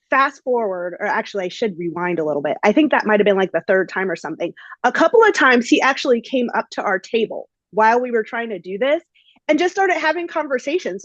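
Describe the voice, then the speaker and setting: A woman's voice: medium pitch, dry recording, highs cut off. A woman hosting a podcast, telling a story in a casual, chatty way with lots of fillers. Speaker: podcast host.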